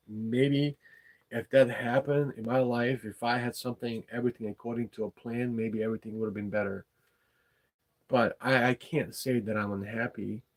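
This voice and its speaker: A man hosts an unscripted livestream chat, rambling frankly in English, not his native language, and swearing casually. His voice is lowish and husky.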